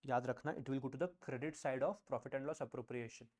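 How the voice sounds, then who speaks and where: A man with an Indian accent teaches accountancy in a classroom, dictating notes slowly, repeating key phrases, quizzing students and switching between English and Hindi. His mid-range voice is steady and a little mellow.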